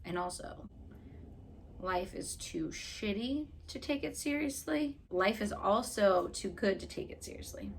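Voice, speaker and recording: A woman's voice: medium pitch, expressive, a little slow, slight background noise. A woman in her late twenties, chatting casually and playfully, rambling while she makes crafts. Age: late 20s. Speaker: craft vlogger.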